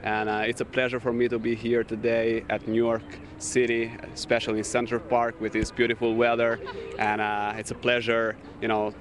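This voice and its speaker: A man's voice: medium pitch, completely flat delivery, normal speed. A man from Albania with an Albanian accent, co-hosting a casual talk show in a city park, filling his speech with "you know" and "uh". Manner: many fillers, "you know" and "uh". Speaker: co-host. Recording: faint outdoor city noise.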